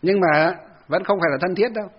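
A man's voice: high-pitched, fast talker, breathy edge, muffled recording. A man, a Buddhist monk telling a story in a conversational dharma talk to lay Buddhists. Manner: storytelling, conversational, acts out quotes.

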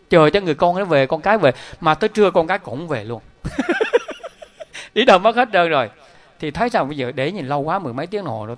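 A middle-aged man giving a Buddhist dharma talk, telling stories animatedly and speaking straight to his listeners. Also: medium pitch. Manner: animated, emphatic, addresses the audience directly. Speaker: Buddhist lay teacher.

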